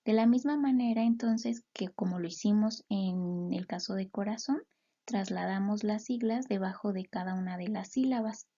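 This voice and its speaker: Woman teaching, mellow, husky voice. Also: mid-range voice, highs cut off. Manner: slow, clear syllable-by-syllable explanations. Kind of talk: explaining a lesson.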